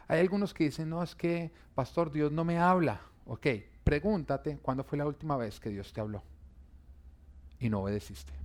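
A man's voice: medium pitch, darkish tone. A man pastor preaching a sermon, repeating key lines and pushing emphasis up on important phrases.

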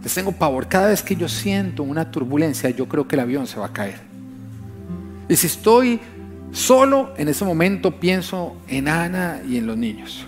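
A middle-aged man delivers a sermon as pastor in a somewhat high voice. He preaches with passion and drives his points home by repeating phrases. Music plays clearly behind him. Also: big pitch swings, moderate pace. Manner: impassioned, repeats phrases for emphasis.

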